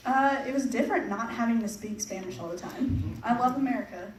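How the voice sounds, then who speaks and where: In a church hall, a young woman with a fairly high voice talks briskly and casually to the congregation about her mission trip, laughing a lot and using many fillers. The echoey room is recorded from a distance, with faint noise.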